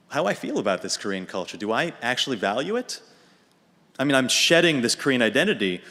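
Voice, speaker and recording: A young American man telling a dry, deadpan comic story about himself on a radio show. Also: mid-range voice. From United States. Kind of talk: humorous personal monologue. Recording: reverberant hall.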